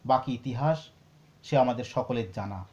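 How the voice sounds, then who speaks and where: A man teaching Sanskrit scripture, explaining slowly and reciting verses. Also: mid-range voice, a little mellow, dull audio. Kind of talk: lecture on scripture.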